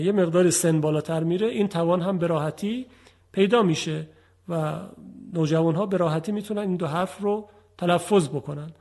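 A man teaching Quranic letter pronunciation in a formal televised lesson, explaining patiently and drawing out example words slowly. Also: sits high, a little mellow. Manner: formal, patient explaining with slow drawn-out demonstrations.

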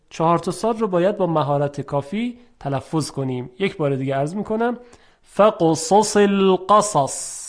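A man teaching Quranic letter pronunciation in a formal, polite tone, stretching out model words slowly between brisk explanations. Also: on the high side. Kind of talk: recitation lesson.

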